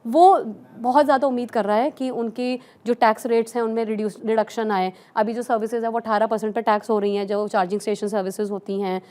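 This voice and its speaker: A woman with a fairly high voice speaks as a tax expert on a news panel. She talks in an explanatory manner, working English terms into her sentences as she lays out her points. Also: little pitch movement, fast, few pauses, mellow.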